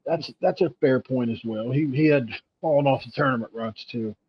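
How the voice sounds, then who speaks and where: Husky man on dull lo-fi audio. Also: medium pitch, moderate pace. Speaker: sports podcast co-host. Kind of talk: casual livestream sports talk.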